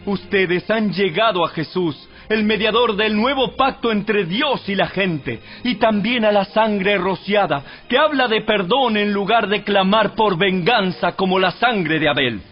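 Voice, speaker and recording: A man narrating a dramatized audio Bible from a script in a solemn, measured, exhorting manner. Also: high-pitched. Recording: dull radio-like sound with music behind. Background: music.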